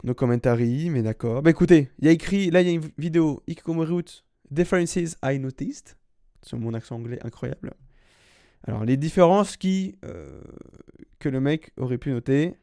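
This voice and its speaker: A man's voice: mid-range voice, lively intonation, brisk, mellow, no echo, studio quality. A man streaming a casual live reaction, rambling and slangy, often restarting his sentences.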